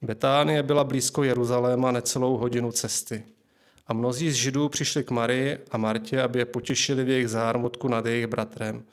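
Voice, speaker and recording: A man preaching a sermon, reading scripture aloud in a measured, slow way and then sharing an earnest personal testimony. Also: mid-range voice, level tone, clear, resonant tone.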